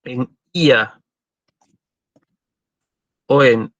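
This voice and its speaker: A man with an Argentine Spanish accent giving a university lecture, explaining patiently and often checking "¿sí?", slowing down to spell out forms. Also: medium pitch, fairly bright tone, no room sound, lo-fi sound. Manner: explanatory, checks understanding with frequent "¿sí?"; slows to spell out Greek forms. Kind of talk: online lecture.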